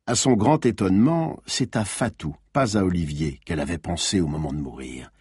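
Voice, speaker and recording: A man narrating a novel as an audiobook, with expressive storytelling. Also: low voice, normal speed, husky, no echo, studio quality.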